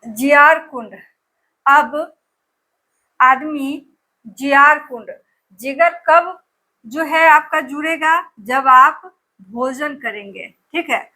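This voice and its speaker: High, bright-voiced woman teaching slowly. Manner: repetitive, drills names over and over with "ठीक है". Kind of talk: exam-prep lesson with memory tricks.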